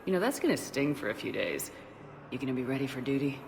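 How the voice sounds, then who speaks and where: Commander Shepard, low-voiced steady soldier. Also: female voice, quick pace, background noise. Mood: wry. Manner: composed, direct, dry. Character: steady, wry female military commander, confident. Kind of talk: video game voice acting.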